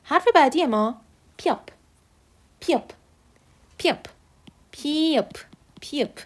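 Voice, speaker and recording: A woman teaching Korean letters, patiently repeating each sound slowly. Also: sits high, expressive. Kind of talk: online alphabet lesson.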